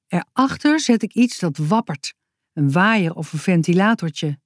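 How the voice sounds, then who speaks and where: A woman's voice: on the low side, lively intonation, unhurried, no echo, studio quality. A woman voicing an earnest, inventive young boy who explains his plans in a storybook reading.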